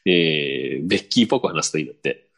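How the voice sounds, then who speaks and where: A man with a very deep voice hosts a podcast in a relaxed, chatty way. He reads out listener mail and keeps the talk going with quick, animated speech and easy laughter. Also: gravelly, slightly rough. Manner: relaxed, chatty, frequent laughter and back-channel "un". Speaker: podcast host reading listener messages. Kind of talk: casual chat.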